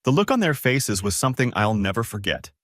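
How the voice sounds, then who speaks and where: A man's voice: mid-range voice, big pitch swings, brisk, a bit bright, no echo, studio quality. A man reading a first-person story aloud in a casual, conversational way. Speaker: narrator.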